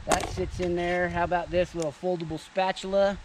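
A man in his thirties casually demonstrating camping gear outdoors, chatting to viewers in a relaxed way. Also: high-pitched, a little fast, noisy background. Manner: relaxed, chatty, addresses viewers as "you guys". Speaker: vlogger showing camping gear. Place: forest clearing outdoors. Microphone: camera on a tripod and handheld selfie camera.

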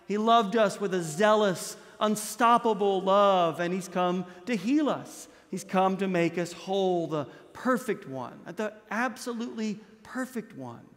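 A man in his thirties, a priest delivering a Christmas Eve homily with impassioned preaching, dropping low and soft on key words. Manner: gestures broadly while standing at a lectern. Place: large stone church, indoors. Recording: long church reverb.

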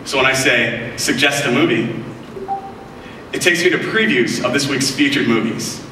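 A young adult man presents a scripted live product demo on a big keynote stage, upbeat and enthusiastic, his medium-pitched voice sharp in tone and at normal speed. The echoey hall audio is captured from a distance, with slight background noise.

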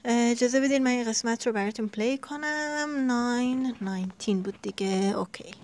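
A woman's voice: on the high side, a little mellow. A woman teaching an English grammar lesson, explaining patiently with frequent hesitations and reading English examples aloud.

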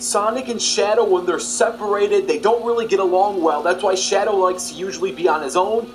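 A man reading a scripted video narration in a brisk, matter-of-fact, informative way. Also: sits high, low-quality recording. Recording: background music.

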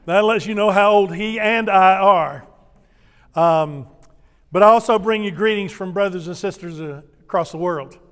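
A man's voice: high-pitched, normal speed, a bit bright, big-room sound. An older man giving a folksy, humorous sermon as a visiting missionary speaker, telling stories and getting the congregation to repeat greetings after him. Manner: folksy, humorous, leads the congregation in call-and-response. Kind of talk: sermon with storytelling. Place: church sanctuary.

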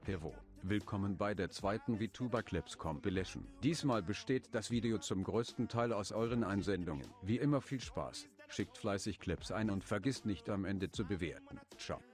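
A man's voice: on the low side, normal speed, few pauses. A man hosting a clip compilation with a scripted intro narration. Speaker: compilation host.

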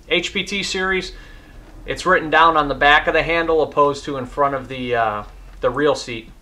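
A man's voice: on the high side, sharp tone. A man in his thirties, hosting a casual fishing gear review from his garage, talking with hands-on enthusiasm. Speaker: fishing channel host. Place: garage with boat and rods.

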